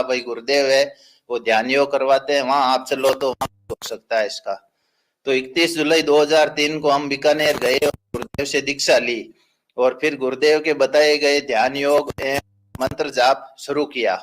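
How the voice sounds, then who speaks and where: A man's voice: a little high, fairly bright tone, slight background noise, low-quality recording. Matter-of-fact man giving testimony. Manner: plain, matter-of-fact recounting. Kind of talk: personal testimony.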